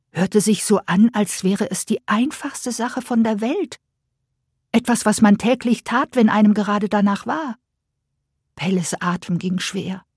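A woman narrating a children's story in a gentle, expressive audiobook reading. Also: medium pitch, husky, dry recording, studio quality.

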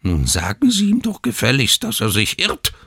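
A man's voice: sits low, huge pitch swings, measured pace, a bit bright, husky, no echo, clean studio sound, full character voice. A man voicing a desperate, horrified middle-aged father, in a storybook reading. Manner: desperate, agitated.

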